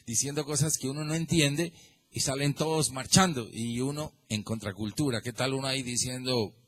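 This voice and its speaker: A man with a Colombian accent preaching a sermon as pastor, lively, calling on listeners by name and asking them questions. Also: mid-range voice, normal speed, a little hiss or hum. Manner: animated, addresses listeners by name, asks rhetorical questions.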